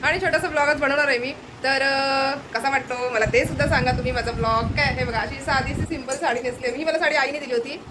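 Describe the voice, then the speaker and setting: A woman's voice: high voice, steady tone, quick pace, few pauses, background noise. A woman chatting casually to her viewers in a home vlog, talking straight to the camera and cooing to her pet now and then. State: low-voiced from fasting. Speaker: vlogger.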